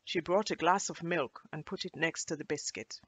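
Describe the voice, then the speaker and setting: A woman reading a children's storybook aloud in a gentle, expressive way. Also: low voice, moderate pace, slightly rough, no echo.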